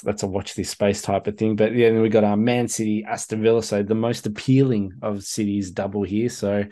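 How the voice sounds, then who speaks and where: A man hosts a laid-back sports podcast with a fairly low voice. He talks in an easygoing, chatty way, laughing often and filling gaps with ums. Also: dark tone. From Australia. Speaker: podcast host. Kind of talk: casual chat.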